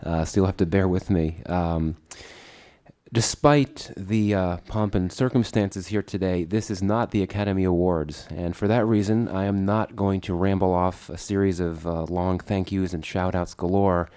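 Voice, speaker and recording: A man with a congested, slightly distorted voice from a head cold, giving formal, measured remarks as a speaker at a book launch panel. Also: low-pitched, steady tone, dark tone. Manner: formal, measured thank-yous with occasional fillers. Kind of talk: prepared remarks at a panel event.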